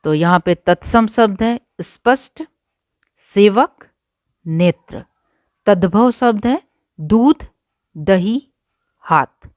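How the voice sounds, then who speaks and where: A woman's voice: mid-range voice, animated, extremely slow, pauses often, darkish tone, no room sound, studio quality. A woman teaching a textbook lesson, going word by word and repeating terms patiently for her pupils. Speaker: Hindi teacher.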